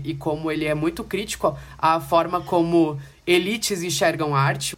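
Enthusiastic Brazilian man chatting about films. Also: a little high. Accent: Brazilian Portuguese. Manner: enthusiastic, informal. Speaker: film podcast co-host. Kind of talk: casual film discussion.

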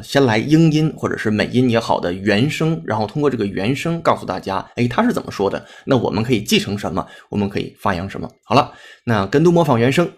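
Male language teacher, patient explanatory lesson delivery, spells and repeats words. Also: mid-range voice. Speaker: English teacher. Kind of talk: pronunciation lesson.

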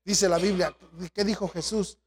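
A man preaching a sermon as pastor, swinging between loud exhortation and quiet storytelling asides. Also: high voice, steady tone, moderate pace.

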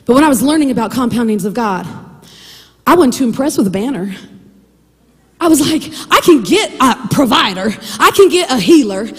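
A woman preaching a devotional podcast sermon, animated and emphatic, with bursts of raised voice and laughter. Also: on the high side, moderate pace, breathy edge, big-room sound. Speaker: podcast host and Bible teacher.

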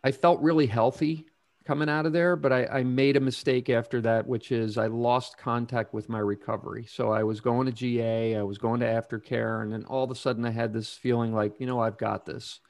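A middle-aged man recounts his past in an unhurried, reflective way, pausing often with ums and small restarts. His voice sits at an ordinary pitch and is recorded dry and close, with almost no room sound. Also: steady tone, a little mellow, no room sound. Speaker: guest sharing recovery story. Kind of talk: casual interview talk.

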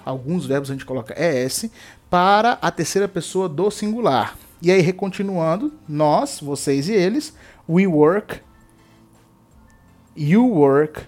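A Brazilian man, a native Portuguese speaker, teaches English verb rules to students, repeating examples and often checking in with "tá?". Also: a little high. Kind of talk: explaining grammar to students.

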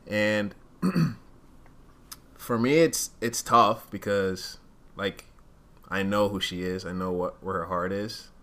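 Born in Uganda and raised within Rwandan culture, this man has a lowish, fairly bright voice and talks slowly with frequent pauses. He co-hosts a podcast in a candid, easygoing manner, thinking aloud and regularly hedging as he builds his arguments.

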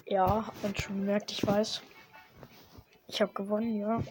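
A woman giving casual, hesitant, self-deprecating gameplay commentary, recorded in low quality straight into a tablet's built-in microphone. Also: flat delivery, measured pace, low-quality recording. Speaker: gaming streamer. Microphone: built-in tablet microphone, no separate mic. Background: music.

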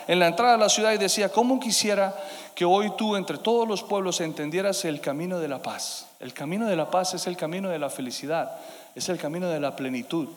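Preacher guy, high voice, goes loud then hushed, long echoey hall. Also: brisk. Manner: dynamic preaching, swinging between loud emphasis and hushed asides. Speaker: pastor. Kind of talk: sermon.

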